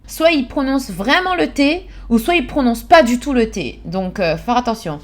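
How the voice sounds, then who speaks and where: A chatty vlogger with a higher voice talks at a normal speed, explaining British English slang in a casual vlog. She's animated, acting out short English examples and laughing at herself.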